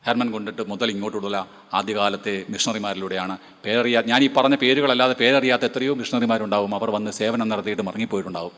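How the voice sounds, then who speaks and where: A man's voice: on the low side, steady tone, fast, fairly bright tone, in a large hall. A man with a Malayali accent giving an emphatic lecture to seminary students and throwing rhetorical questions at them. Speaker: guest lecturer.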